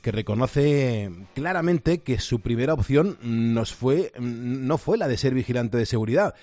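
A man reads a scripted radio report in a clear, measured way. His voice sits at a middle pitch. The studio sound is dry and close. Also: animated, dark tone, no echo.

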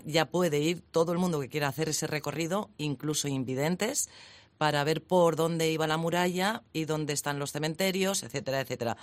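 A man's voice: fairly high pitch, dry recording. A man hosting a radio show, interviewing guests in a friendly conversational way in the studio. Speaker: radio host.

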